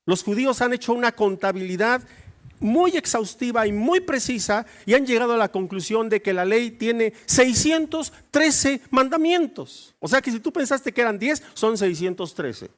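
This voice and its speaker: A man's voice: extremely high pitch, normal speed. A male pastor preaching a sermon, acting out little dialogues with shifting voices.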